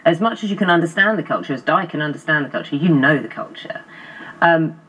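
A woman's voice: low-pitched, lively intonation, fast talker, a bit bright, slightly rough, poor audio. A woman news presenter interviewing guests in a TV studio. She asks probing questions in long, run-on sentences.

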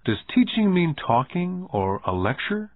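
A man voicing a stern, calm businessman mentor who lectures pointedly and in measured phrases in an audiobook. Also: on the high side, no room sound, pitched above the performer's own voice, heavily acted. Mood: calm, instructive. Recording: muffled, phone-like narrow band.

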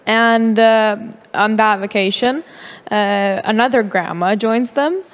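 A teenage actress with a medium-pitched voice speaks slowly, answering interview questions and interpreting for her director, hesitating often and using many fillers. She talks into a handheld mic in a festival press area set in a large hall, and the sound carries hall reverb.

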